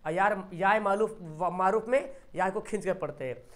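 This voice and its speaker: A teacher running an exam-prep grammar lesson. The voice sits at an ordinary middle pitch. It moves in a steady question-and-answer rhythm, asking and then answering, with example words stretched out slowly. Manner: asks quiz questions and answers them, drawing out example words.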